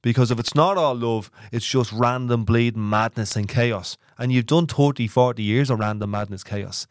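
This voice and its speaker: A man's voice: medium pitch, moderate pace, no room sound, clean studio sound. A man in casual podcast chat, talking bluntly and reflectively, with plenty of swearing.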